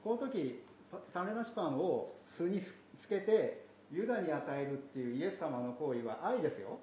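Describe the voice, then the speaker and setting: A man teaching from the Bible in a conversational way, slipping in playful asides and soft laughs. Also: on the high side, expressive, moderate pace. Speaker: pastor. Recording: roomy echo, faint background noise.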